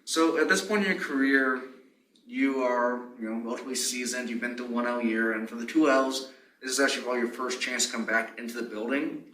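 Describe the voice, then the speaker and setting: A young man presents informal instructions as a library fellow, his mid-range voice steady, fairly quick, bright and forceful. He wears a face mask that muffles him, and the audio is roomy and distant with a little background noise.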